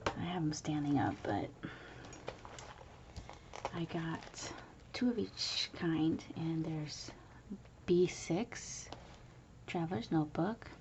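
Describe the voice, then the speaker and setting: Woman whispering a casual craft show-and-tell at home, low voice, hiss in the background. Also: lively intonation, slow pace, long pauses, muffled recording. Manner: soft whispering, chatty, with fillers. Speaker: crafter showing handmade planners. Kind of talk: whispered early-morning craft video. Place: home, early morning.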